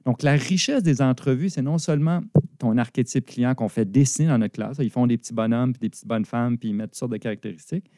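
A man with a Quebec French accent, a business teacher and guest, explaining ideas in an animated, conversational way and laughing often. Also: mid-range voice, quick pace, no room sound, clean studio sound.

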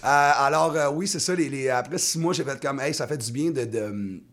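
A man's voice: medium pitch, normal speed, fairly bright tone. Rambling Québécois man in his thirties. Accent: Québécois French. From Quebec. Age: 30s. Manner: rambling, many restarts and fillers, laughs easily. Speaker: touring singer-songwriter guest. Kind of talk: casual radio interview.

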